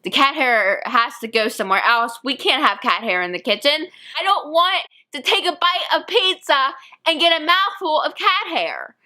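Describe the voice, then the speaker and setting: A calm, reasonable teenage boy in a storytime vlog, as a young woman quotes him. The voice is high and bright. He speaks politely and evenly. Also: normal speed, hardly any pauses, exaggerated voice.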